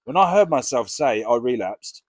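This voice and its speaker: A man's voice: mid-range voice, animated, normal speed, dry recording. A British man talking casually and frankly to camera as a vlogger, with plenty of swearing. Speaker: recovery vlogger.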